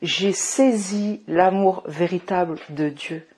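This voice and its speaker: A woman in her thirties from France giving a personal faith testimony, emotional and often restarting, moving between hushed and fervent speech. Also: fairly low pitch, slow pace, husky. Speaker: testimony speaker.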